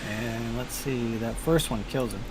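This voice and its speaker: Man, game master, casual narration, mid pitch, thinks aloud, noticeable room noise. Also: measured pace. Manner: thinks aloud while checking rules. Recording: noisy room, steady background noise.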